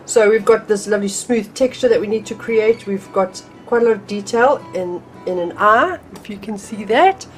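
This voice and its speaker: A middle-aged woman gives a casual drawing tutorial from her home art room, speaking at a moderate pace in a mid-range voice with few pauses. She's chatty and a little nasal from a cold, with frequent ums and restarts, while faint music plays behind on poor audio.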